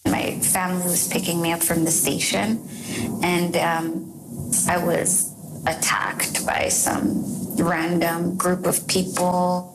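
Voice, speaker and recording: A young woman from Canada, interviewed and recounting her past in a halting, measured way with fillers. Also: on the low side, flat delivery, very noisy. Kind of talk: recorded interview recollection.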